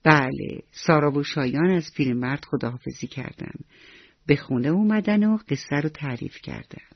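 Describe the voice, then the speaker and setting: A woman's voice: low-pitched, no room sound. A woman storyteller narrating a bedtime story for children, speaking tenderly and directly to them. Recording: dull lo-fi radio recording.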